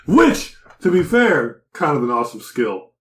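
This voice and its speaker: Brief: male co-host, mid pitch, chatty rambling recaps, roomy echo. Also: moderate pace. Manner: rambling, animated retelling of scenes. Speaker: podcast co-host. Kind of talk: casual chat about anime.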